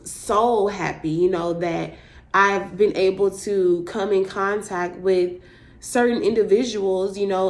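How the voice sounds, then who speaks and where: Young woman vlogger, casual storytelling, loose and chatty, filler-heavy. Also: medium pitch. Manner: chatty, many fillers like "like" and "you know".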